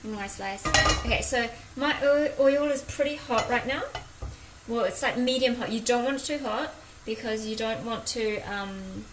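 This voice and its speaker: Higher-voiced Kiwi woman in an echoey kitchen. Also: moderate pace. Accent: broad New Zealand (Kiwi). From New Zealand. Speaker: cooking livestream host. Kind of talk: casual chat while cooking, greeting viewers. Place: indoor home kitchen. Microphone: phone, at a little distance. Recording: echoey room, clear kitchen noise. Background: sizzling pan, stirring, kitchen noise.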